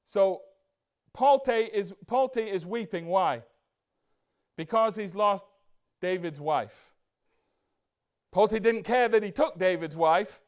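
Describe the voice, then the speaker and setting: A man preaching a casual Bible-study sermon as a church pastor, chatty and excitable, full of rhetorical questions and asides. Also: high-pitched, slow, long pauses.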